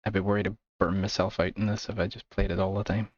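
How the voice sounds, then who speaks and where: A man with an Irish accent chatting casually with his viewers while streaming a game, relaxed and laughing often. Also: low-pitched, fast, no room sound, muffled recording. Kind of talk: casual gameplay chat with viewers.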